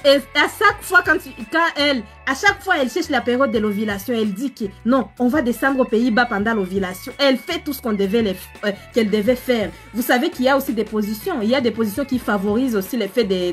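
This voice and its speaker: A woman with an African French accent, hosting a live stream as a relationship coach, chatting with viewers and telling a story. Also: on the high side. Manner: chatty, animated, addresses viewers directly, many fillers.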